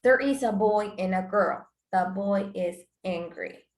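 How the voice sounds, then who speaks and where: A woman teaches English grammar in a class, walking through each rule step by step. She moves between Spanish explanations and English example sentences. Her voice is of middling pitch and carries a roomy echo. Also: slow pace. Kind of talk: online class lesson.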